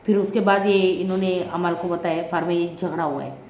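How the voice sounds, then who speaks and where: A woman's voice: lowish voice, fairly even intonation, brisk, a little mellow, reverberant, lo-fi sound, slight background noise. A woman recapping a reality show in a dramatic vlog, acting out what others said. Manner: dramatic, mimics other people's lines. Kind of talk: animated recap, acting out quotes.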